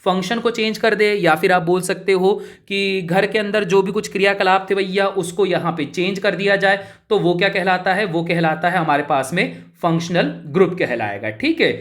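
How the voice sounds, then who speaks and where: A man's voice: high-pitched, moderate pace, fairly bright tone. Chatty man teaching a lesson. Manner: chatty, asks students questions and answers them himself; informal, keeps addressing listeners as brother and buddy. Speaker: chemistry teacher. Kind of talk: casual spoken lesson.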